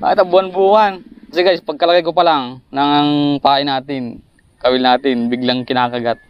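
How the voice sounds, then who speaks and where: A man vlogging while fishing outdoors, chatting to viewers and breaking into excited bursts at each bite. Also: medium pitch, moderate pace, clear, resonant tone, dry recording, lo-fi sound. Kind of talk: casual fishing vlog narration. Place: outdoors by the water, rural.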